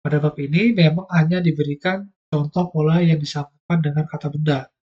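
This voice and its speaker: A man's voice: fairly high pitch, steady tone, brisk, slightly rough, dull audio. A man teaching an online language lesson, explaining patiently step by step.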